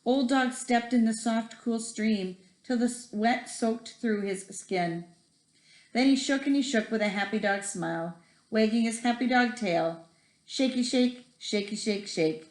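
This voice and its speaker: In an echoey room, a read-aloud storyteller takes a picture book at an unhurried pace, her voice slightly high. She reads expressively and rhythmically, drawing out the words that repeat.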